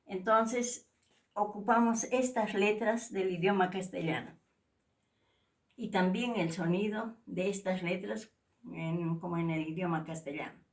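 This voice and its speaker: A woman from Peru teaching a language lesson, slowly saying example words and repeating them with emphasis. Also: medium pitch, steady tone. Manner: slow, deliberate, repeats and stresses each word louder. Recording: voice a little far from the mic.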